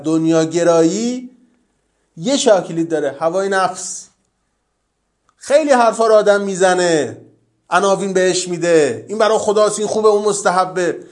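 Man preaching a religious lecture, fairly high voice, emphatic, keeps hammering his main point again and again. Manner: earnest, emphatic, repetitive.

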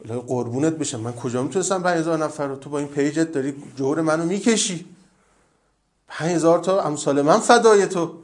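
A male preacher voicing a fawning devil who thanks and flatters a man for leading others astray. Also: on the high side, lightly acted. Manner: flattering, grateful.

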